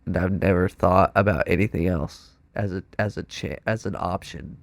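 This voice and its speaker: A young man with a stuffed-up nose, a drummer guest chatting casually on a podcast in a studio, rambling excitably with plenty of "like". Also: sits low, normal speed, creaky, dry recording. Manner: rambling, excitable, filler-heavy with "like".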